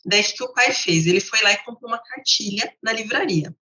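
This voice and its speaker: A woman's voice: a little high, expressive, brisk, bright, forceful tone. A woman with a Brazilian Portuguese accent, a literacy educator explaining ideas to teachers in a didactic way, repeating her points through contrasts. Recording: roomy, slightly dull sound.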